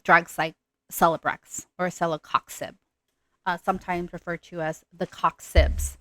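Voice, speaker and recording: Dry, deliberate woman lecturer. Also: medium pitch, fairly bright tone, dry recording. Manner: deliberate, explanatory, stresses key terms. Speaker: nursing pharmacology lecturer. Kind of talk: recorded lecture.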